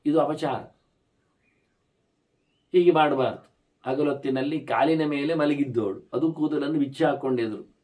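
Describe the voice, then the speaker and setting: An older man giving a lively scriptural discourse, acting out the characters as he tells the stories. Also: moderate pace, long pauses. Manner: animated, swings pitch and loudness, voices characters in quotes. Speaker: scholar giving a religious discourse.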